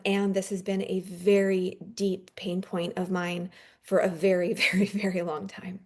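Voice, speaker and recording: A woman's voice: fairly low pitch, flat delivery, a little slow, darkish tone. Woman opening up in a sharing circle, reflective, kinda casual w fillers. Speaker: panel participant. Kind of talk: heartfelt personal sharing.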